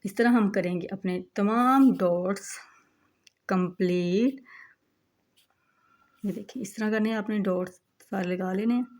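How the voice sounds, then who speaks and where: A woman gives a patient teaching demonstration. She walks through each step of writing a letter slowly, keeping her voice at a moderate, everyday pitch. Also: a little mellow. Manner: patient, repeats "look" while showing each step.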